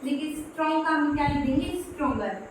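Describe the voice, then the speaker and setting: Female grammar teacher, high voice, strong room echo, faint hiss behind. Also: normal speed. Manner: explains step by step, repeating "dekhiye". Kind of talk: Hindi classroom-style grammar lesson. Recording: very echoey room, faint background noise.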